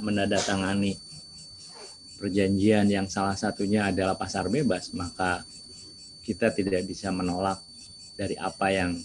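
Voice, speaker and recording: A man's voice: deep voice, background noise. A man giving a lecture to students, asking rhetorical questions and answering them himself. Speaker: seminar speaker.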